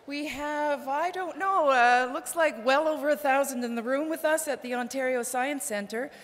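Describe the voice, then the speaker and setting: A woman's voice: high voice, moderate pace. Echoey woman giving a welcome. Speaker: music education coalition spokeswoman hosting. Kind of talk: live event welcome address. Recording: large echoey hall.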